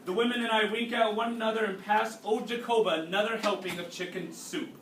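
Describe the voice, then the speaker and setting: With a high, steady, fairly bright voice, a teacher reads a storybook aloud to his class and pauses to explain points and quiz the pupils on what they've grasped. It's recorded indoors in a classroom that sounds roomy, from a distant mic, with faint noise behind.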